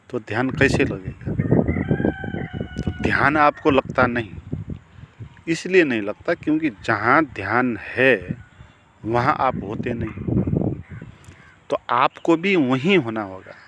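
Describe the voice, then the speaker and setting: Male spiritual teacher, mid-pitched, unhurried reflective sermon delivery with rhetorical questions. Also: noisy background. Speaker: meditation teacher. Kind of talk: spiritual discourse.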